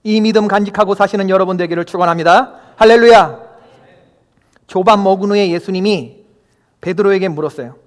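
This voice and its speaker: A man's voice: high voice, fairly quick. A male pastor preaching a Sunday sermon in a church, emphatic and often putting questions to the congregation. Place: church sanctuary. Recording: long hall reverb.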